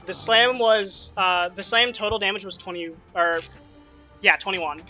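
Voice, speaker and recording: A man's voice: high voice, lo-fi sound, faint music behind. A man acting as game master, calling rolls and damage and narrating the action in bursts. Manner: quick rules talk broken by animated narration.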